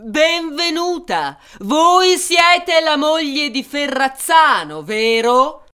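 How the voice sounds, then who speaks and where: A man voicing a haughty queen and a shouting wife in a storybook reading, in a shrill falsetto. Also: sing-song, measured pace, smooth, no echo, clean studio sound.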